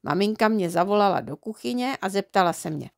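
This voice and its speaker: Žena s chraplavým hlasem čte dětskou knihu. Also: female voice, medium pitch, gravelly, no echo, studio quality. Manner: lively storytelling. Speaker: audiobook reader. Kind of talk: reading a children's book aloud.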